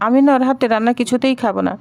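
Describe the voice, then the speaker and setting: A woman's voice: a little high, fast, creaky, darkish tone. A woman reading a barking, bad-tempered father-in-law. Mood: angry. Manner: barking and curt. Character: shouting, bad-tempered older man, rich father-in-law.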